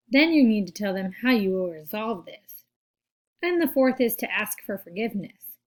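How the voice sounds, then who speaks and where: A woman giving a gentle, patient social skills lesson to children, speaking straight to them. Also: medium pitch. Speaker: teacher for children.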